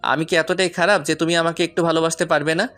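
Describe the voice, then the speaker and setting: A man's voice: a little high, flat delivery, fast, a bit bright, faint music behind, natural voice. A man voicing a rich young man, heartbroken and pleading with the woman he loves, in an audio love story. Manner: pleading, anguished.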